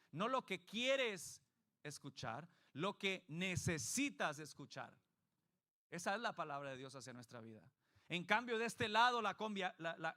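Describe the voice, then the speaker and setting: A man's voice: high voice, bright, forceful tone. A man preaching a sermon as pastor, emphatic and putting direct questions to the congregation. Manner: emphatic, varied delivery.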